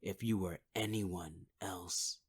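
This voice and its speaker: Menacing in mood, a deep, breathy-edged voice speaks slowly and steadily as a possessive villain in an ASMR roleplay. The man stays close to the mic, taunting in a half-whisper and calling the listener sweetheart.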